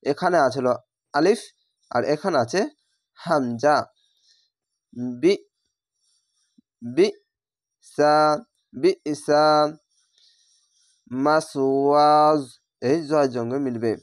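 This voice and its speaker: A man with a Bangladeshi Bengali accent teaching spelled-out Quran reading, drawing words out slowly between explanations. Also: medium pitch, dry recording, clean studio sound. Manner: slow drawn-out recitation of words between explanations.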